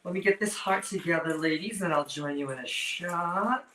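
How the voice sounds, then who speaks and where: A man's voice: on the high side, moderate pace, sharp tone. A man hosting a casual live cooking show with campy, playful drag queen banter and cheeky innuendo. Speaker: host of a cooking demonstration. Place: indoor kitchen with stone counter. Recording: roomy echo, distant mic, faint noise.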